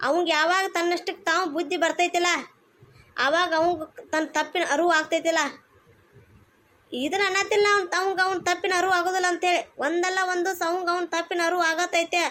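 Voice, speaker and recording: A woman's voice: extremely high pitch, level tone, fairly quick, sharp tone. A woman with a North Karnataka accent voicing a consoling elder neighbor in a cartoon, firm and reassuring. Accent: North Karnataka Kannada.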